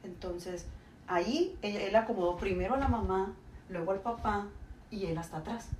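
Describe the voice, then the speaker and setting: A woman with a Mexican accent, a guest on a home podcast, telling her story in an animated way and acting out what people said. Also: mid-range voice, normal speed. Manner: animated storyteller who acts out the dialogue. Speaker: guest, the host's aunt. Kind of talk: casual storytelling. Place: living room at home. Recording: echoey room, distant mic, noisy.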